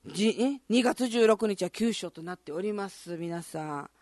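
A woman with a hoarse, gravelly voice, hosting a casual, chatty live radio show and talking to her listeners. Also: medium pitch, lively intonation, moderate pace, darkish tone, dry recording, clean studio sound. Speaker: radio host. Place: radio studio, live broadcast.

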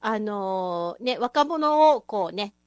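A woman's voice: mid-range voice, expressive, takes it slowly, smooth, no room sound, studio quality. A woman hosting a casual chat show, talking enthusiastically and laughing often. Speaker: host.

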